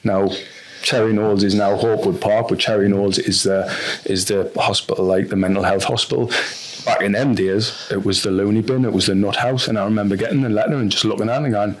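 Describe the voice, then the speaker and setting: A man's voice: on the low side, fairly even intonation, quick pace. A man with a North East English accent telling a personal story on a podcast in a frank, rambling way, full of restarts and fillers. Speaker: podcast guest.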